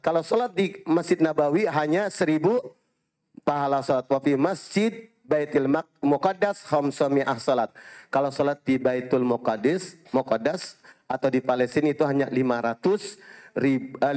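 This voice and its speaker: Animated high-voiced preacher. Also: male voice, moderate pace. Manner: animated storytelling, quoting Arabic phrases, addressing audience as Pak, Bu. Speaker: Islamic preacher and hajj guide. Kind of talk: sermon with anecdotes.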